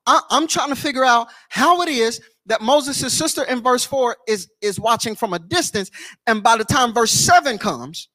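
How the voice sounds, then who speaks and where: A man's voice: very high-pitched, expressive, normal speed, sharp tone, dry recording. A man preaching a sermon in church, repeating his lines in a rhythmic build and sometimes breaking into a sung chant. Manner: repetitive, rhythmic preaching with call-outs to the congregation.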